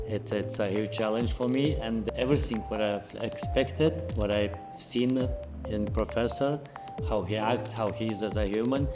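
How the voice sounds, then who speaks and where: Man from Lithuania, earnest testimonial, halting phrasing, music bed. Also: fairly low pitch. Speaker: mentorship student giving testimonial.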